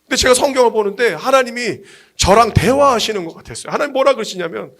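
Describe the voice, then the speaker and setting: A man's voice: extremely high pitch, expressive, quick pace, fairly bright tone. A man in his forties, a pastor preaching with passion and heavy emphasis, often repeating himself. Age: 40s. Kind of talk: sermon.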